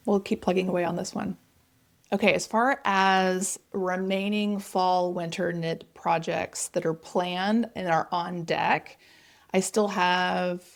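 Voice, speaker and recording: A woman's voice: medium pitch, gravelly. A woman with an Oklahoma accent, chatting casually and enthusiastically as the host of a knitting vlog.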